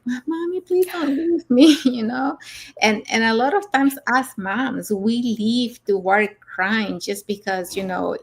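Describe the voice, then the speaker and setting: Woman host, gravelly fry, affirming talk, frequent "you know". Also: medium pitch. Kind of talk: interview chat.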